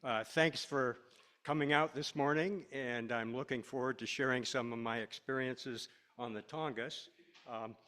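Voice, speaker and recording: A man's voice: medium pitch, fairly even intonation, a little slow, sharp tone, clean tone. Older male lecturer, plain mid-range voice, loose and folksy, talking through slides. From Washington State, USA. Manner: folksy and rambling, with many uh fillers. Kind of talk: slide presentation to a class.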